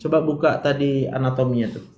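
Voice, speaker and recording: A man's voice: medium pitch, fairly even intonation, a little fast, darkish tone. Brash male lecturer quizzing students. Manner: quizzing students, joking, brash direct address. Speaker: medical lecturer. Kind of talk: classroom lecture. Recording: roomy echo, faint room noise.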